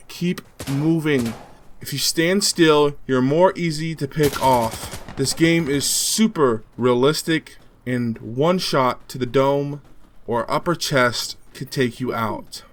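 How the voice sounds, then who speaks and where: A man's voice: on the high side, a bit bright. A man hosting a casual game tutorial voice-over, coaching beginners in a joking, hyped-up way. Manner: joking, hype-filled coaching. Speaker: gaming channel host.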